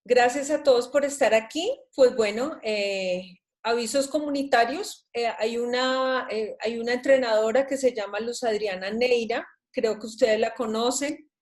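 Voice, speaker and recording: A woman hosting an online talk, wrapping up with thanks and announcements in a friendly, halting way. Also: fairly high pitch. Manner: warm, thankful, restarts often. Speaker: host of an online talk series. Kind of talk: casual live closing remarks.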